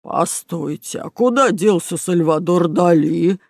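A woman narrator becomes a grumpy bearded burglar from a children's tale. He talks in a low, slow grumble, as if every word is an effort, and he sounds a little far from the mic in a dry, close room. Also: vocal fry, warm tone, dry recording, exaggerated voice. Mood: puzzled. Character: gruff bearded male art thief, sulky.

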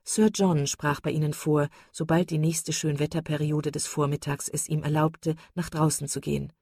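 A woman narrating a classic novel in a measured, steady audiobook reading. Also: low voice, no echo, clean studio sound. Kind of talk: scripted narration.

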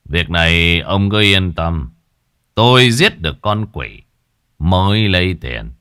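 A man voicing a shrewd exorcist master who speaks in a measured, authoritative way. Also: low voice, expressive, bright, forceful tone, clear, resonant tone, full character voice. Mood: calm. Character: shrewd male exorcist master, calm and mercenary.

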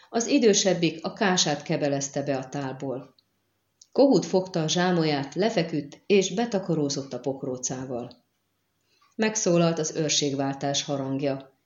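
A woman narrating an audiobook in a measured, even storytelling manner. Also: deep voice, roomy sound, muffled recording.

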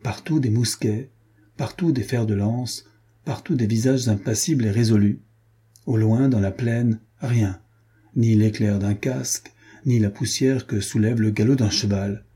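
A man reading a historical novel aloud in steady, measured scripted narration. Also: fairly low pitch, breathy edge. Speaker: audiobook narrator.

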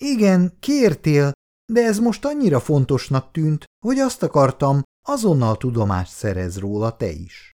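A man reading an audiobook voices a young woman with a raised, lilting pitch and a teasing, slightly pouty way of talking. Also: sing-song, warm tone. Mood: affectionate. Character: young woman, affectionate, easily piqued partner.

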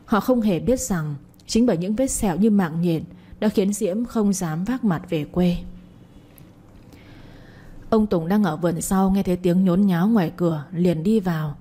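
A woman tells a family drama in a measured, moralizing tone. Her voice is mellow and warm with a slight husk. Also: lowish voice, husky. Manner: measured, commenting on events. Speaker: storyteller. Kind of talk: narrated moralizing story.

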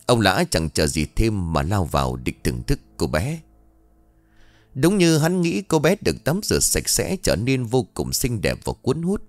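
A man narrating an audiobook story in an expressive, dramatic reading style. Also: fairly low pitch, moderate pace, no room sound, faint music behind.

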